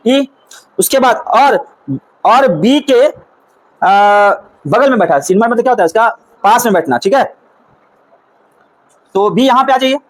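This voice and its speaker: Hindi-speaking teacher coaxing a class. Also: male voice, very high voice, lively intonation, a little slow, pauses often, low-quality recording. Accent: Bihari Hindi. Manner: coaxing, repeats questions to the class. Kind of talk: classroom reasoning lesson.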